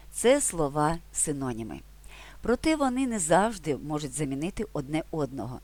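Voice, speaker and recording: This is a voice of middle pitch delivering a scripted language lesson. The speaker explains with care and slows down to lean on the key words and stresses. The tone is clear, measured and instructive throughout. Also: a little mellow. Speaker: language teacher.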